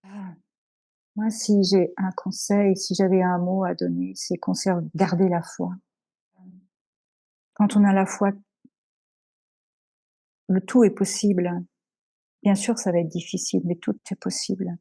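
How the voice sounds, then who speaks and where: A woman giving an earnest, emotional personal testimony as an interview guest, halting with many pauses and restarts. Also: medium pitch, little pitch movement, gravelly, mellow.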